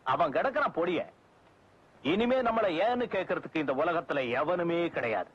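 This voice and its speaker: A man playing a scheming manager who plots to grab a widow's property, speaking in a cunning, brisk way, from an old film soundtrack. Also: on the high side, lively intonation, slightly rough. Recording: dull old film audio with music.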